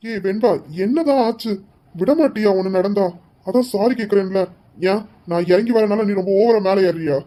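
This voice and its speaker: A woman's voice: medium pitch, normal speed, warm tone, close to an everyday voice. A woman playing an apologetic young husband in a comic couple skit, coaxing and begging forgiveness, sometimes turning irritated.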